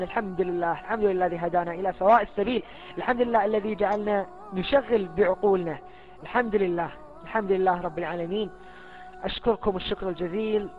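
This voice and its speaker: High-pitched, rapid, impassioned man. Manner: emphatic, repeats oaths and phrases, stumbles and restarts. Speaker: speaker giving a personal religious testimony. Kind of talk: impassioned spoken appeal. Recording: lo-fi, muffled recording.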